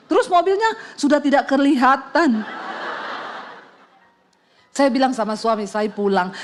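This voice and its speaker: A middle-aged woman pastor, preaching with humorous storytelling, quoted voices and sound effects. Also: sits high. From Indonesia. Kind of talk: sermon.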